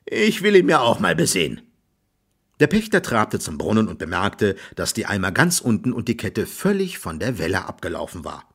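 A man narrating an audiobook in an expressive storytelling manner. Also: lowish voice, husky. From Germany. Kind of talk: scripted narration.

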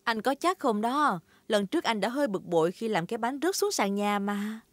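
A woman voicing a calm, sensible mother pig in a cartoon, gentle and patient with a light teasing edge. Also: a little high, normal speed, no room sound, natural voice.

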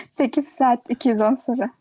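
Cheerful young woman, high and bright, giggly, dry close mic. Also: breathy edge, no echo, poor audio. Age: young adult. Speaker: student on a study call. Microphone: video call.

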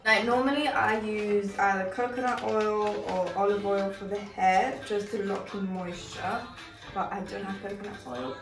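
A young mother talks through a hairstyle tutorial on her toddler in a living room decorated for Christmas, explaining each step and correcting herself as she goes. Her mid-range voice has fairly even intonation and normal speed, captured by a far-off camera with echoey room audio and background music.

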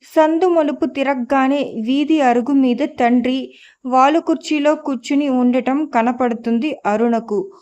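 A woman narrating a story aloud as a scripted audiobook reading, in a slow, measured way. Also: sits high, a little mellow, muffled recording.

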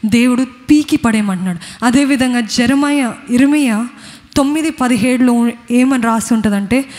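A woman's voice: fairly high pitch, moderate pace, a little mellow. A woman with a Telugu accent preaching a sermon, earnestly questioning her congregation. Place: church. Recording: long hall reverb.

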